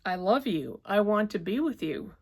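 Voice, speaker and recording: A woman's voice: mid-range voice, animated, normal speed, darkish tone, husky, voice pushed up. A woman voicing a distraught young woman who pleads tearfully in a raised voice. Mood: pleading.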